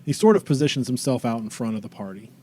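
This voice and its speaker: A man's voice: mid-range voice, animated, quick pace, a little mellow, a little hiss or hum. A man narrating as game master of a tabletop game, easygoing and checking the rules aloud.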